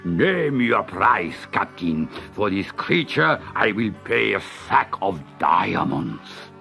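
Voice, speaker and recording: A grand storybook sultan, as a man puts him on, drawling his words slowly with a deep, booming, regal weight. He sounds loud and lordly, with faint music behind. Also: big pitch swings, creaky, exaggerated voice. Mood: amazed. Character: grand, slow-spoken male sultan, booming.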